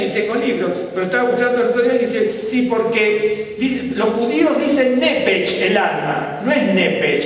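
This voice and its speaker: A man's voice: high-pitched, slight background noise. A man, a Bible teacher, explains Hebrew words in a sermon-style talk and keeps checking whether his listeners follow. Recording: echoey hall, voice from far off.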